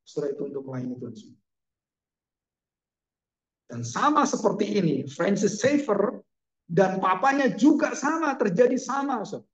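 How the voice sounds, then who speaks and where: A man's voice: sits high, very animated, normal speed, pauses often. A man preaching a sermon, telling a story expressively with emphatic exclamations and ending in prayer. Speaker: pastor.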